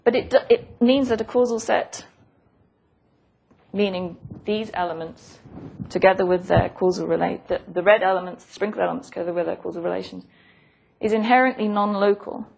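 Captured in a noisy recording with clicks, a woman teaches physics a little fast in a medium-pitched, slightly mellow voice touched by vocal fry. Her explanation is thoughtful and professorial, with hesitations and repeated phrases.

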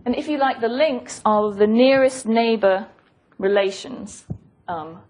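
A woman's voice: a little high, unhurried, darkish tone. A woman giving an academic lecture, explaining in a thoughtful, professorial way, hesitating and repeating phrases as she goes. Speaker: physics lecturer. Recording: noisy lecture recording with clicks.

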